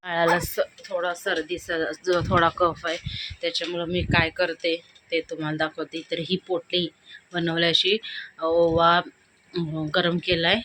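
A woman's voice: lowish voice, little pitch movement, a little slow. A young woman with a Marathi accent narrating her household chores in a casual home vlog, chatty and talking as she works. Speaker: vlogger, homemaker and mother. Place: home kitchen. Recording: loud background noise at home.

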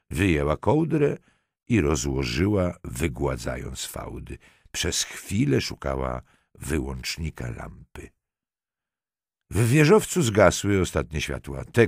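This is a male audiobook narrator with a very low voice. His intonation is lively and expressive. The recording is dry and close, with no room sound. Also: slightly rough, dry recording. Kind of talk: scripted narration.

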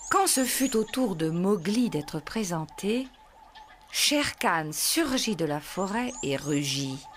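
A woman narrating a children's storybook in a slow, gentle storytelling manner. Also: mid-range voice, very animated, slight background noise.

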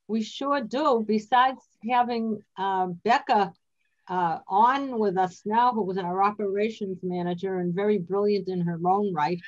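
A woman's voice: mid-range voice, measured pace, lo-fi sound. Older woman hosting a chatty call-in show. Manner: chatty, rambling, laughs easily. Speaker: host, attorney. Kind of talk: casual talk-show chat. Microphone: video call.

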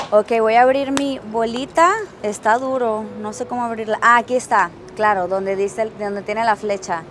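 A woman giving casual vlog commentary as she shops for capsule toys in a busy Japanese toy shop. She is chatty and excitable and laughs often. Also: fairly high pitch. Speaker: travel vlogger. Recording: noisy shop ambience.

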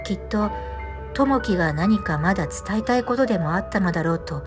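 A woman reading a scripted first-person ghost story in a hushed, eerie storytelling manner. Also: medium pitch, lively intonation, brisk. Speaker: horror story narrator. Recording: music and rain under the voice. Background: music, rain.

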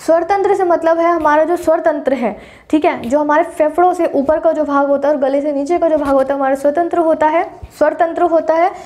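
A young woman teaches a Hindi grammar lesson in a classroom lecture, reciting the consonants one by one and explaining each point step by step while correcting her own slips. Her voice sits high, a little mellow, with a steady tone and a fairly quick pace.

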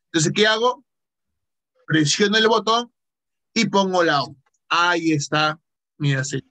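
A male teacher with a Peruvian Spanish accent talks slowly through an online computer lesson. His voice is fairly high and bright, and he patiently asks questions and then answers them himself.

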